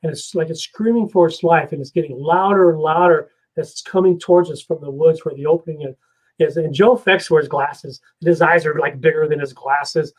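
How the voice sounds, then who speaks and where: A man, a guest investigator, telling a story in a casual, animated way and acting out the scenes. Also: on the high side, brisk, poor audio.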